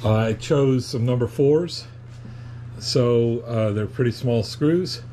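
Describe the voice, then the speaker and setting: A man talks through a small woodworking job at a slow, easy pace, pausing on fillers. His voice sits at an ordinary pitch, picked up by a body-worn camera in a home workshop with a faint hum behind it. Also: dark tone. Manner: unhurried, plain explaining with fillers. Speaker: woodworking hobbyist. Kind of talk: casual workshop how-to.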